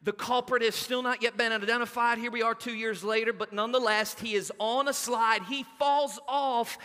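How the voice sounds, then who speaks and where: A middle-aged pastor, preaching a sermon and telling a family story in an animated way. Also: male voice, very high-pitched. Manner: animated storytelling, acting out quotes. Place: church sanctuary. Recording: long church reverb.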